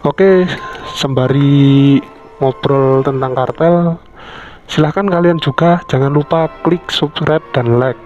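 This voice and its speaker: A man with a bassy voice, hosting a casual video commentary and addressing viewers informally, sometimes crudely. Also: slow pace, long pauses, a little mellow. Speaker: YouTube host. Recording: dull lo-fi audio, music behind. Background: prominent background music.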